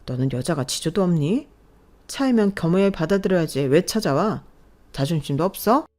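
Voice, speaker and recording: A woman's voice: lowish voice, expressive, normal speed, a little mellow, lightly acted. A woman voicing an arrogant young man who is being exposed as a fraud, talking in a scornful, defensive way.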